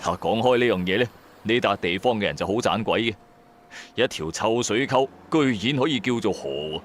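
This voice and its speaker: A man with a Cantonese accent narrates an audio drama in colloquial, dramatised first person, an animated storyteller tossing chatty rhetorical asides to the listener. His voice sits on the low side at a moderate pace, with slight background noise.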